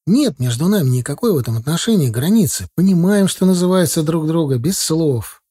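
A man voicing a lovesick young male village driver who pleads and whines excitedly. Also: on the high side, brisk, husky, dry recording, clean studio sound, pitched above the performer's own voice. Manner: excitable, whiny, insistent.

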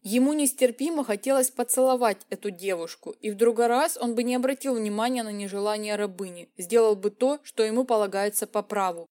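Warm-toned woman narrating a romance. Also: a little high, fairly quick, hardly any pauses. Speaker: audiobook narrator.

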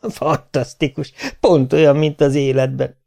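A man's voice: medium pitch, little pitch movement, vocal fry, a little mellow, voice pushed up, close to an everyday voice. A man voicing a bold, mocking history teacher who speaks theatrically and stretches his words.

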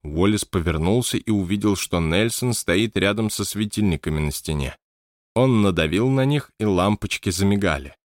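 A man narrating an audiobook in a steady, even storytelling manner. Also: fairly low pitch, normal speed, no room sound, clean studio sound. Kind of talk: scripted narration.

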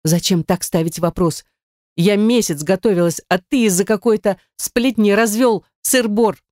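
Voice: medium pitch, moderate pace, darkish tone, no room sound, studio quality, voice pushed up, natural voice. An audiobook narrator voicing a defiant, indignant young woman in dialogue, with protesting exclamations.

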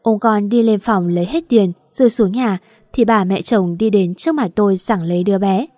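A woman narrating a first-person audio story with an indignant, emotional edge. Her voice sits at a middle pitch, recorded close and completely dry. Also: moderate pace, dark tone, no room sound.

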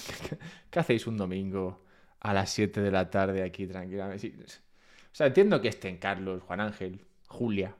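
A man's voice: low voice, normal speed. A man from Spain with a Spain Spanish accent, chatting casually and rambling to his live-stream chat from home. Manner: relaxed, rambling, self-mocking.

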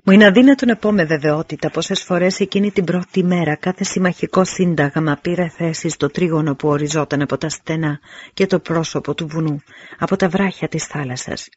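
A man narrating an audiobook in a measured, deliberate reading with dramatic pauses. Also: fairly high pitch, slightly rough, no echo, highs cut off.

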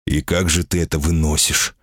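A man's voice: a bass voice, level tone, moderate pace, no echo, clean studio sound. A man voicing a proud, impatient male jinni in human form, curt in his speech, in an audiobook reading.

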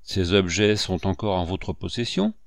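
A man reading aloud, voicing a smooth, sly male gendarme captain who answers calmly and curtly. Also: low voice, normal speed, no room sound, studio quality.

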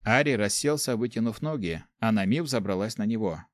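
A man narrating a fantasy audiobook in a steady, even reading. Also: on the low side, brisk, dry recording.

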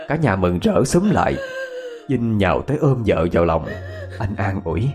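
A low-voiced man narrates a ghost story, dramatic and lively in pitch. Soft music plays faintly underneath. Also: normal speed. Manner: expressive, dramatic.

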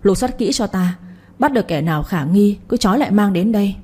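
A woman's voice: mid-range voice, lively intonation, fairly quick, breathy edge. A woman voicing a commanding male village lord who barks orders. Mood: furious. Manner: barking orders, shouting.

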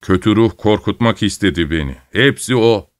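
A man voicing a grumbling old grandfather in a storybook tale, speaking low and muttering. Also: expressive, moderate pace, natural voice.

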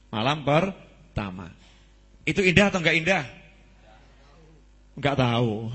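A man's voice: medium pitch, husky. A man preaching at a mosque study gathering, telling stories, acting out dialogue and asking the audience questions. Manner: lively storytelling with questions to the audience; acts out quoted dialogue. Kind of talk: Islamic study sermon.

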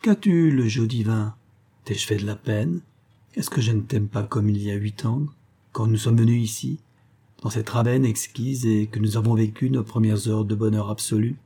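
An ardent husband deeply in love speaks with tender, pleading warmth , as a male narrator reads him. His tone is mellow and dark, with a faint husky roughness. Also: normal speed.

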